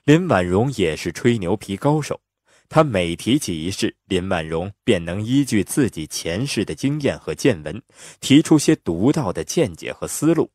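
A man narrating an audiobook in an expressive, lively storytelling manner on a close mic. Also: lowish voice, normal speed, dry recording.

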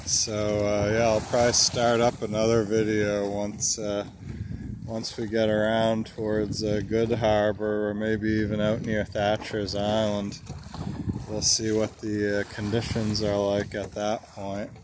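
A man narrating casually while sailing a small boat, talking in an unhurried way with many filler pauses, recorded outdoors at sea on a boat-mounted camera. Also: fairly low pitch, completely flat delivery. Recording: wind and water noise outdoors. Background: wind and water noise.

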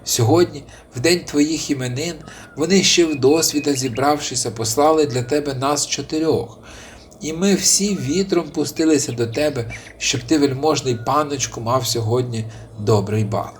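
A man playing a clever, flattering little hare. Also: medium pitch, moderate pace, a little hiss or hum, natural voice. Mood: pleading. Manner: very polite, flattering, pleading. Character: clever little male hare, humble and cunning.

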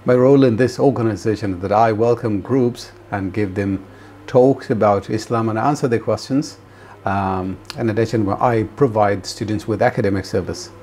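Calm low-voiced older man. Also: moderate pace, a little hiss or hum. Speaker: guide for visiting groups. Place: indoor office.

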